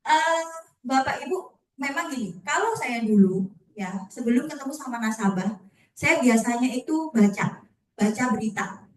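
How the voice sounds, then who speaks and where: A woman's voice: a little high, expressive, normal speed. A woman sales trainer, casual and chatty, talking directly to her audience and tagging her phrases with "ya". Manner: ends phrases with a questioning "ya". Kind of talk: training session talk. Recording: echoey room, far from the mic.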